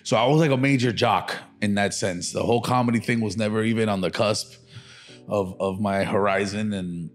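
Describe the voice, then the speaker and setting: A man's voice: fairly low pitch, moderate pace, faint music behind. A man in his thirties from Miami, a comedian guest chatting loosely with lots of slang and swearing on a podcast. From Miami, USA. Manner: loose, profane, slangy banter. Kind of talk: casual podcast chat.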